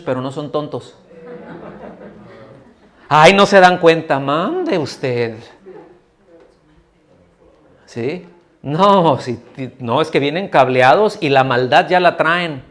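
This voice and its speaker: Middle-aged man, fairly high-pitched, pastor giving a conversational sermon in a church hall and acting out the voices he quotes. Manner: conversational preaching, asks the audience questions, acts out quoted voices.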